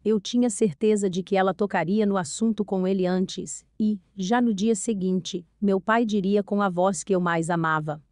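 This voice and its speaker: A woman narrating a novel in the first person, reading in a calm, measured way. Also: mid-range voice, no room sound, clean studio sound. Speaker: audiobook narrator.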